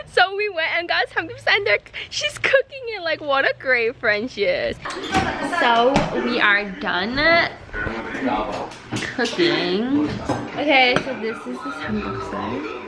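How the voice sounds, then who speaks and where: A young woman chatting casually at home with family, quick to exclaim. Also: high voice. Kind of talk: casual chat.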